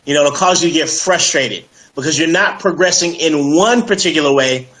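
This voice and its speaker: A male fitness coach speaks as a guest in a casual interview. His voice sits a little high, and he talks with persuasive energy, filling pauses with "you know" and "um". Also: a bit bright, poor audio. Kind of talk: casual interview on a live stream.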